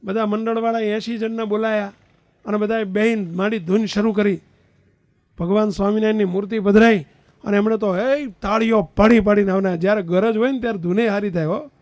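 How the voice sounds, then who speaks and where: Brief: high, dry male preacher, animated storyteller who quizzes the children and leads chants. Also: fairly quick, no room sound. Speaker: spiritual leader giving a religious discourse.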